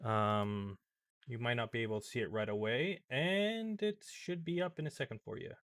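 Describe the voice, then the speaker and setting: Halting, gravelly man narrating a screen recording. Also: mid-range voice, a bit bright, no room sound. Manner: rambling, halting, many fillers and restarts. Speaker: tech vlogger. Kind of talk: casual screen-recording commentary.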